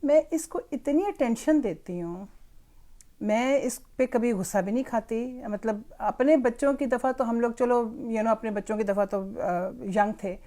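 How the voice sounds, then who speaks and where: A woman's voice: on the high side, mellow. An older woman, a grandmother, chattily telling a family story as a parenting lesson and slipping English phrases into her talk. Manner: chatty, switches freely between Urdu and English. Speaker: grandmother sharing parenting advice. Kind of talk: casual storytelling monologue.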